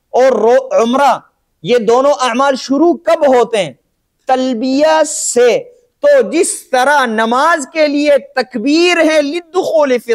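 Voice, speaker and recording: A man teaching a lesson on Islamic jurisprudence, who poses rhetorical questions, answers them himself, and keeps checking that his students have understood. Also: extremely high pitch. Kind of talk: classroom lecture on Islamic jurisprudence.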